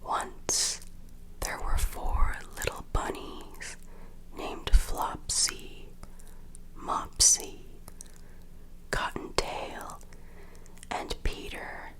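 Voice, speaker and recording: A woman reading children's stories as ASMR in a breathy, unvoiced whisper, with a gentle, deliberate delivery meant for falling asleep. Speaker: storyteller reading children's tales.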